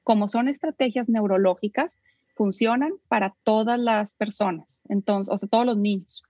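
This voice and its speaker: A woman's voice: mid-range voice, normal speed, mellow, no echo, dull audio. A woman, a parenting expert speaking as a guest, who animatedly acts out talks between parents and children. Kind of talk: guest in a casual interview.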